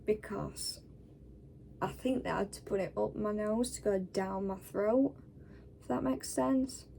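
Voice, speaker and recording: Just after a wisdom tooth extraction, this Northern English woman vlogs casually to camera, tired and scratchy-throated. Her medium-pitched voice is gravelly and dark, her pace measured, and she's blunt and sweary as she tells her story.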